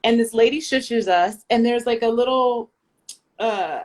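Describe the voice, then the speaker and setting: An American woman chatting casually, telling a lively story full of fillers and asides. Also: a little high, measured pace. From United States. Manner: animated storyteller, lots of fillers. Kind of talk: casual chat.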